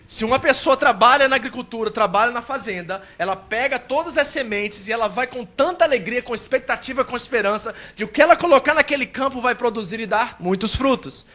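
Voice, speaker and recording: A male pastor with a voice that sits high preaches a sermon during a church service. He is animated, acting out the complaints a believer might voice.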